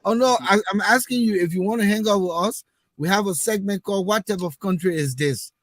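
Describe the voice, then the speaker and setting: A man hosting a casual panel talk show, animated, often repeating words as he starts a sentence. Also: high voice, a little fast. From Liberia.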